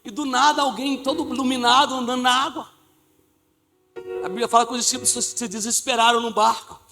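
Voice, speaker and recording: A man preaching a lively sermon as pastor of a church, with a Brazilian Portuguese accent, joking and acting out the people in his stories. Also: extremely high pitch, fairly quick, over music. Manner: animated, jokey, acts out the people in his stories.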